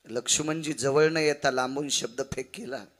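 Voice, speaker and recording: A man performing as a kirtankar, preaching a devotional kirtan sermon and swinging dramatically between loud and hushed delivery. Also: medium pitch, moderate pace.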